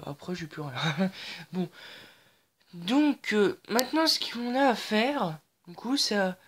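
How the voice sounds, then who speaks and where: A woman hosts a screen-recorded tutorial on logic circuits. She talks at a slow, unhurried pace in a mid-range voice. She hesitates often, fills gaps and corrects herself as she goes. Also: medium pitch. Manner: hesitant, many fillers and restarts, self-correcting. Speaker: tutorial host.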